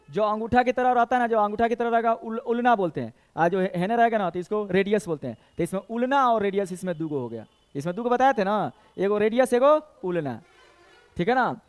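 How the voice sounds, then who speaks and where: A male coaching teacher with a Bhojpuri-tinged Hindi accent lectures for competitive exams, counting bones aloud while quizzing the class and answering his own questions. His voice sits high and clean.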